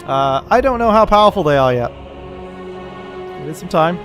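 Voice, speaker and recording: A man's voice: fairly high pitch, animated, normal speed, fairly bright tone, soft background music. Joking man chatting over a strategy game. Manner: loose and joking, hesitant restarts. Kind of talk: casual gameplay chat.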